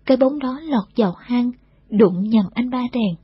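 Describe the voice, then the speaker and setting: A woman reading a story aloud in a steady, unhurried storytelling manner. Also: on the high side, breathy edge, dry recording. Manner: steady, unhurried storytelling, voices every character. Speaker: narrator. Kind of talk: scripted story narration. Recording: dull, dry lo-fi recording.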